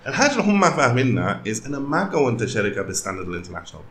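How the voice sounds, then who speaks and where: A man's voice: mid-range voice, sing-song, rapid-fire, fairly bright tone, slight background noise. A man with a Sudanese Arabic accent in casual conversation, switching often between Arabic and English. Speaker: company founder.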